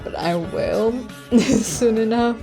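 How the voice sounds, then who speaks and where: A young woman from Czechia with a Czech accent, chatting casually for a vlog in a hushed, awkward, self-conscious and apologetic way. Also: fairly high pitch, slow pace, over music. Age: young adult. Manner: keeping voice hushed so as not to be heard in the house. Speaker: online video creator. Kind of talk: casual rambling vlog chat.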